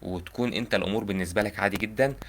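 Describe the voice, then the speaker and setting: A man's voice: lowish voice, racing, a little hiss or hum. A young man with an Egyptian accent giving earnest, informal advice on a live call. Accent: Egyptian Arabic. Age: young adult. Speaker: prank caller giving advice.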